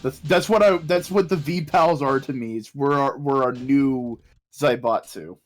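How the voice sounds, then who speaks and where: A man's voice: mid-range voice, measured pace, soft background music. A man chatting on a gaming stream, rambling, stammering and swearing casually. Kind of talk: casual chat while gaming.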